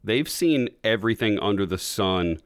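Lively, laughing man on a podcast. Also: fairly low pitch, moderate pace, no echo, clean studio sound. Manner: laughs often, repeats words when starting. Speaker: podcast co-host. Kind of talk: casual chat.

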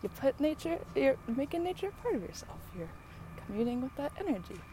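A woman's voice: high voice, very animated, brisk. A young American woman in casual, rambling solo chat, musing and effusive as she talks outdoors on a walk. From San Diego, United States. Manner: musing and effusive, laughs easily. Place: outdoors on a walk near traffic. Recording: outdoor traffic noise, passing vehicles. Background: passing trucks and ambient noise.

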